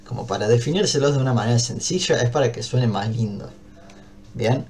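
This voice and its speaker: A man with an Argentine Spanish accent explains a grammar point to his students. He sits at a middle pitch and speaks patiently, pausing often to check that everyone is following. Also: darkish tone. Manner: patient, checks understanding with frequent "¿bien?". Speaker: English teacher. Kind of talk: online class explanation.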